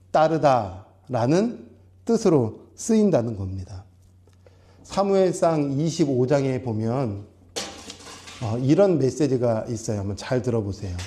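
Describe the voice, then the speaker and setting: Lively, mellow-voiced male pastor preaching. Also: medium pitch. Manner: explains word meanings step by step, asks the congregation questions. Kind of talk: sermon. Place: small church.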